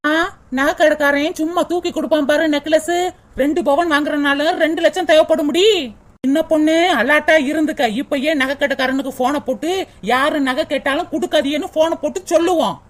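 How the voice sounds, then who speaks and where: A woman voicing a sharp-tongued young daughter-in-law in a cartoon, grumbling sarcastic asides. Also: sits high, steady tone, brisk, lightly acted.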